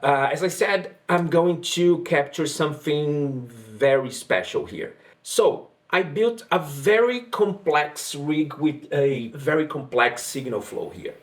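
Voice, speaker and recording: His voice is a little high and he takes his time. A Brazilian guitarist, Portuguese being his native tongue, talks casually through his guitar rig in a relaxed demo, with plenty of fillers and restarts, and a Brazilian accent throughout.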